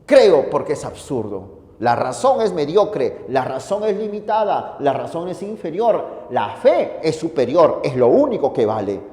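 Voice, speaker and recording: A man's voice: fairly high pitch, sing-song, a little slow, few pauses, mellow. Man playing a scornful old Tertullian. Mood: mocking. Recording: echoey hall reverb.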